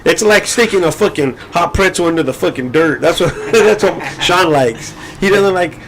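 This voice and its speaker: Male podcast co-host, crude joker, a bit high-voiced, laughs a lot. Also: lively intonation, moderate pace, noisy background. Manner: crude, joking, laughs often. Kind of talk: casual chat.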